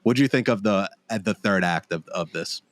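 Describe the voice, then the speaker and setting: A man's voice: lowish voice, brisk. A man co-hosting a podcast, talking through an action movie in a rambling, casual way with lots of restarts. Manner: rambling, restarts often, animated quotes. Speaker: podcast co-host. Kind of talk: casual film review chat.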